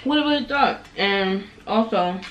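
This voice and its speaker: A woman's voice: medium pitch, expressive, moderate pace, fairly bright tone, slight background noise, poor audio. Chatty young woman eating on camera. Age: young adult. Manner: chatty, eats on camera between remarks. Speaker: vlogger. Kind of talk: casual chat while eating. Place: home kitchen, indoors. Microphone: camera on table at close range.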